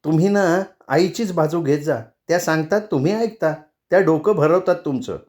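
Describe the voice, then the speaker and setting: A man voicing a sharp-tongued, quarrelsome young daughter-in-law in a novel reading. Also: fairly high pitch, animated, fairly quick, pitched above the performer's own voice, natural voice. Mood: sulky. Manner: sulky, argumentative.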